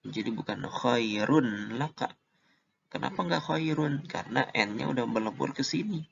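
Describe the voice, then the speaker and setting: A man teaching Quran recitation rules in a casual lesson, slow and deliberate, drawing out the recited examples. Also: mid-range voice, gravelly, lo-fi sound, a little hiss or hum.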